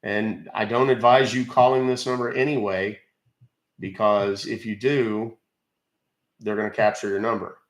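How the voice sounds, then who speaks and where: This livestream host is a man with a lowish, fairly flat voice who speaks a little slowly in an echoey room. He explains things casually and talks directly to his viewers.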